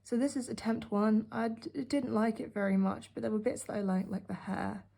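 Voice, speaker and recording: A young British woman with a mellow, warm voice talks through her sketchbook in a rambling, offhand way. Her sarcastic asides come between plenty of fillers. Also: on the high side, fairly even intonation, normal speed, creaky. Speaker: art vlogger. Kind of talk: casual sketchbook tour narration.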